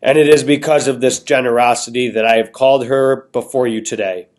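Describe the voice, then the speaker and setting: A man voicing a cruel, pompous tyrant king who makes menacing, slow proclamations. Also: mid-range voice, steady tone, darkish tone, lightly acted. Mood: proclaiming.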